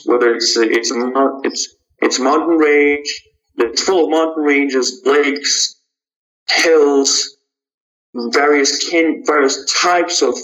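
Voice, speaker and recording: Slow, halting man from Kazakhstan. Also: a little high, fairly bright tone, rough recording. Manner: halting, measured, frequent restarts. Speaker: startup founder, guest. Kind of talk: podcast interview answers.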